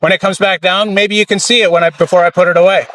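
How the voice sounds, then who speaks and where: A man's voice: high voice, fairly even intonation, fast, far from the mic, noisy background. A man filming police outdoors, taunting and arguing with them. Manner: taunting, combative, sarcastic. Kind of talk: confrontational street argument. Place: outdoors on a street. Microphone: handheld camera.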